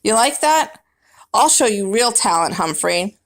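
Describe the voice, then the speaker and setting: A woman's voice: mid-range voice, lively intonation, unhurried. A woman voicing a friendly, jovial male night janitor in a storybook, hearty and playful. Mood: playful, showy.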